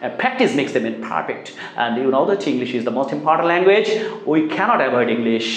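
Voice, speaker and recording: A man's voice: mid-range voice, sing-song, drawn-out words, reverberant, a little hiss or hum. A man with a Bangladeshi accent, a native Bengali speaker teaching a spoken English lesson, drilling translations and pleading earnestly with many "uh" fillers.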